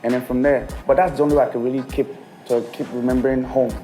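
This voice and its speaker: Soft music underlies the casual conversation as a thirtysomething guest musician, raised in England and touched by speech, talks fast. His mid-range voice is level and mellow; he laughs a lot and mimics the voices of others.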